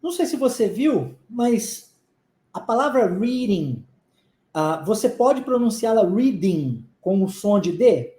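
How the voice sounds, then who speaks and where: A Portuguese-speaking teacher runs a live online English class in a mellow, dark, mid-range voice with a sing-song lilt. She drills phrases slowly, repeating them and checking in quickly and often with the learners. The room sounds echoey.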